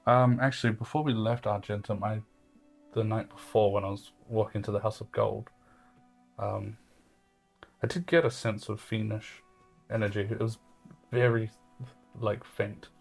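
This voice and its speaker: A man with a low, gravelly voice talks through his character's old childhood room, wandering and hesitant, full of ums and likes. Soft music plays faintly behind him. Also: little pitch movement, normal speed, long pauses. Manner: rambling, hesitant with many fillers. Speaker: player. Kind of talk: in-character tabletop role-play.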